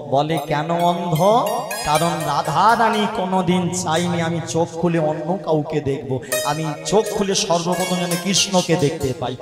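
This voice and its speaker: A man performing devotional kirtan, telling a story with drama and singing between the lines. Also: high-pitched. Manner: dramatic, acts out the characters. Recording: echoey hall with music.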